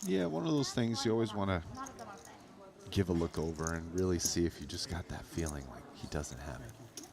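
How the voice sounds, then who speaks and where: Very deep-voiced man, casual poker commentary. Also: animated, normal speed, creaky, crowd noise. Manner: conversational, hedging, loosely phrased. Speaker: professional poker player, guest commentator. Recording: noticeable background noise.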